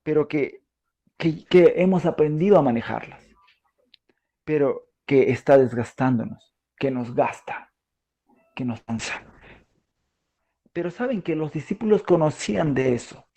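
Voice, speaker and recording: Gravelly, mellow-voiced Peruvian preacher. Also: male voice, on the high side, lively intonation, unhurried, pauses often. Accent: Peruvian Spanish. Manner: conversational, asks the audience questions, frequent fillers. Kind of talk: sermon.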